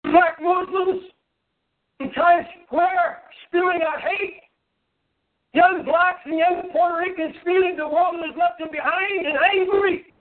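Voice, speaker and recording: A man preaching an impassioned sermon as a pastor, with forceful, emphatic declamation. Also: very high-pitched, fairly even intonation, measured pace. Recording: narrow, phone-like band-limited sound.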